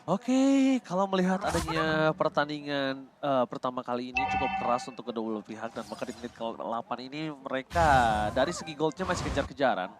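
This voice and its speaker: A man's voice: medium pitch, animated, a little fast, noisy background. A man with an Indonesian accent doing live play-by-play of a video game match in a hyped fighting game announcer style. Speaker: esports match commentator (shoutcaster).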